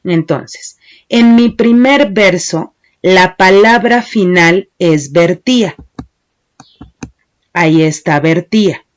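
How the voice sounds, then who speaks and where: A woman teacher giving a methodical lesson, patiently explaining step by step and counting syllables aloud one by one. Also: fairly low pitch. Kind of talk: slow, methodical class lecture.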